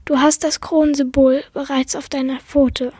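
A woman's voice: sits high, little pitch movement, normal speed, mellow, no echo, studio quality, lightly acted. A woman voicing an injured male tomcat in a faint, melodic whisper, as whispered role-play.

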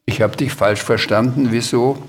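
A man's voice: mid-range voice, fairly even intonation, moderate pace, breathy edge. A man reading aloud and voicing a cheeky, boastful little creature, the Sams, in a storybook. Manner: boastful, bossy.

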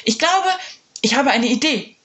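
A woman's voice: a little high, normal speed, voice pushed up, lightly acted. A woman voicing a shy young schoolgirl. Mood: eager.

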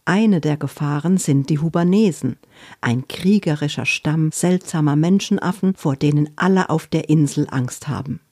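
A woman reading a children's book aloud in a deliberate storytelling manner. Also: sits low, dark tone, husky, no room sound, clean studio sound.

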